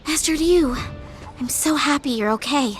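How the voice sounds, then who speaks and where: A woman's voice: high-pitched, moderate pace, faint music behind, lightly acted. An actress playing a sweet, devoted young village woman in a video game. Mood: relieved, sweet. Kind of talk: English video game voice acting.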